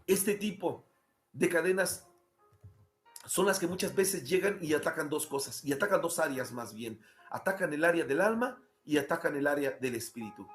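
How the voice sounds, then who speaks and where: A man's voice: a little high, animated, moderate pace, faint music behind. A man preaching a sermon, impassioned and repetitive, full of rhetorical questions. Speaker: pastor. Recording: echoey room.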